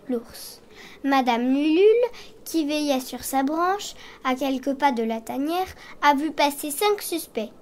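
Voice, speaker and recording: A woman voicing a curious young girl investigating in the forest, earnest and reasoning things through aloud. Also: high voice. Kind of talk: children's audio story acting.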